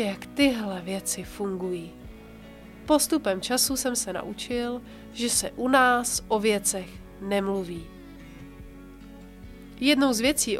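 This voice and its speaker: A woman podcast host reading a book passage aloud with her own commentary, in a calm, measured voice that slows and softens for emphasis. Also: medium pitch.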